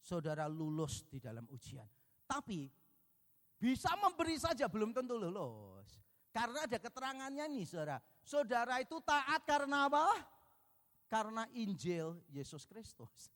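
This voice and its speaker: A man from Indonesia preaches from the pulpit in a high voice, slipping into short acted exchanges and jokes with his congregation. The sound carries a long reverb from the church hall around him. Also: wildly swooping pitch, moderate pace, fairly bright tone. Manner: storytelling, acts out dialogue, jokes with congregation. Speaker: pastor. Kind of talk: sermon.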